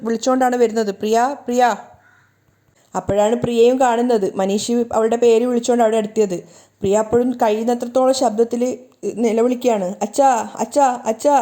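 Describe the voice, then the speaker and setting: Fast-talking woman retelling a serial. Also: fairly high pitch, mellow. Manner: brisk retelling with acted-out dialogue. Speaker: serial recap narrator. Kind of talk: casual spoken story recap.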